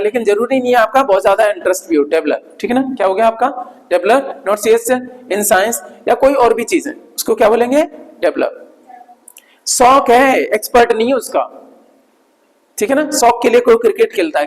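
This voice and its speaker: Hindi-speaking male teacher in a reverberant hall. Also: very high-pitched. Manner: repetitive, drills words, checks in with "ठीक है ना"; slow, drawn-out spelling of sounds. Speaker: English vocabulary teacher. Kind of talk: classroom vocabulary lesson.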